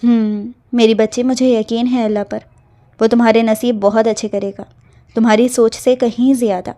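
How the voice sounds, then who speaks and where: A gentle older aunt speaks slowly and tenderly, as a woman reading a novel puts her on. The voice is a little high and mellow. She advises like a loving elder in an audio storybook. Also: steady tone, natural voice.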